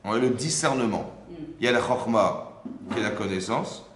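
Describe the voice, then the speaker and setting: A man with a fairly low voice speaks at a moderate pace over a noisy background, leading a small group through an interactive religious lesson. He asks questions, checks in with his listeners, and often repeats words while searching for phrasing. The room sounds roomy, with faint background ambience.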